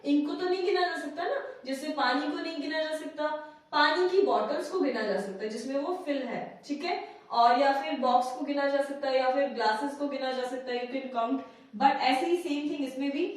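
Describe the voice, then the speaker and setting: A woman's voice: sits high, normal speed. A woman teaching English grammar in a casual whiteboard lesson, often asking her viewers questions and checking in with them. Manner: repeats questions to viewers, frequent checking "theek hai". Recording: very echoey room, voice from a distance.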